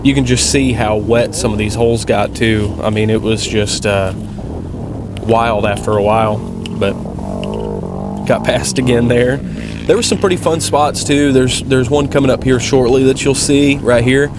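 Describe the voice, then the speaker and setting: A man with a mid-pitched voice narrates a motovlog in a casual, conversational way. He is plain-spoken and tends to ramble as he comments on race footage. Clear vehicle noise runs behind his voice. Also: measured pace. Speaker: motovlogger and amateur dirt bike racer.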